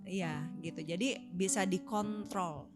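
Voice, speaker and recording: A woman's voice: on the low side, slow. A married woman, candidly telling a personal story on a faith talk show. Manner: candid, reflective. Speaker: co-host. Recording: music playing under voice.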